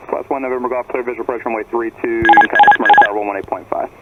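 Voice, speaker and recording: A man's voice: medium pitch, steady tone, very fast. A man working as an air traffic controller, heard over an aircraft radio and giving clipped radio instructions. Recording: muffled radio with engine noise.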